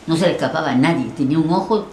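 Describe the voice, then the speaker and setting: An older woman from Peru tells stories at a rapid clip, slipping into other people's voices. Her voice sits fairly low. The room is echoey, with a faint background hum. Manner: lively, acts out voices in her anecdotes. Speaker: interviewee, former TV presenter. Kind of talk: animated storytelling interview.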